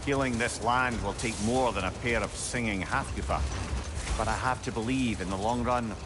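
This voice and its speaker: An actor playing a chatty, learned male advisor who explains things in a wry, lively way. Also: mid-range voice, normal speed, background noise, close to an everyday voice. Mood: reflective.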